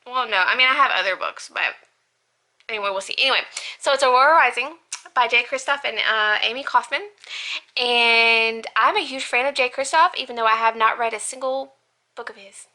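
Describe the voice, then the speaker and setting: Young woman vlogger rambling about her books, kinda high, super bright voice, swears a lot. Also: a little fast. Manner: rambling, gushing, swears freely. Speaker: book vlogger. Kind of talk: casual reading vlog.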